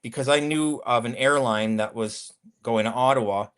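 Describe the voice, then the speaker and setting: A man's voice: mid-range voice, moderate pace, fairly bright tone, smooth. A man in his fifties, a former convoy accountant, telling his story in a casual interview, rambling with many restarts and fillers.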